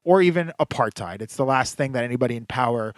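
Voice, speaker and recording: A man's voice: mid-range voice, lively intonation, fast, no echo. Guy cohosting a podcast, rambly and sarcastic, lots of ums, dry no-room sound. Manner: rambling, filler-heavy, wry sarcasm. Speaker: podcast co-host. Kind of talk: casual chat.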